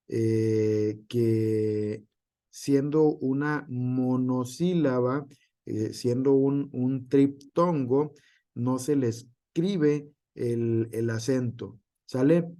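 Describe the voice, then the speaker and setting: Guy teaching a class online, slow and kinda mellow, lots of umms. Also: medium pitch. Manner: hesitant, many fillers.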